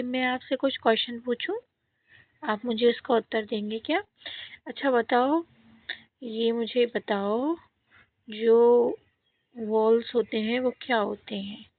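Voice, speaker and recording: A woman's voice: a little high, dry recording. A woman teaching a children's English grammar lesson, asking questions and answering them herself, repeating the key words. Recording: dry, phone-like audio.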